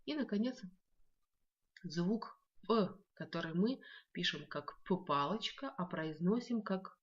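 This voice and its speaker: A woman teaching a language lesson in a video, speaking slowly and patiently and repeating each word for learners to follow. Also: on the low side, animated, muffled recording.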